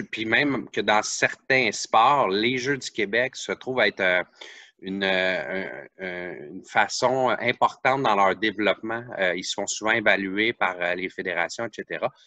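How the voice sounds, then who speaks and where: A podcast host with a Québécois French accent chats casually in an interview, searching for words and restarting often. His low-pitched voice is pushed and bright, with no echo.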